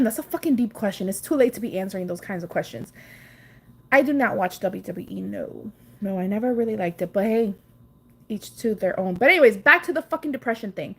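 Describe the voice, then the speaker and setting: A woman's voice: fairly high pitch, slight background noise. Tired, chatty woman livestreaming from home. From Cuba. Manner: chatty, swears casually, greets viewers by name. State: tired, ready for bed. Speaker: livestream host. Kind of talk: casual livestream chat with viewers. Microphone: phone.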